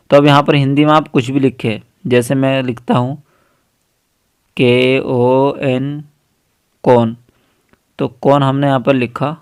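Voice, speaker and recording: A man's voice: medium pitch, smooth, no echo, studio quality. A man hosting a screen-recorded app tutorial, explaining each step patiently with frequent fillers. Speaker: tutorial host.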